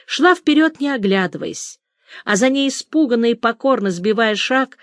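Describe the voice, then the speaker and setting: A woman reading a story aloud as scripted narration, with expressive delivery. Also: fairly high pitch, no room sound, studio quality. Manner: expressive reading, briefly voicing the characters' quoted lines. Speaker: audiobook narrator.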